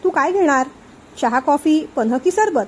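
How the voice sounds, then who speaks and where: A teasing, level-headed young wife, voiced by a woman narrator. Her voice is high and bright, with a jokey lilt. It is told in a storybook reading. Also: lively intonation, normal speed.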